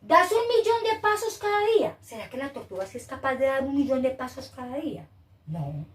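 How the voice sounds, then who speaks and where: A woman's voice: high-pitched, roomy sound, distant mic. A woman teacher giving a lesson to children, reading poem lines aloud and checking in with frequent rhetorical questions. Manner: lively, questioning, keeps asking "¿cierto?"; reads poem verses aloud slowly.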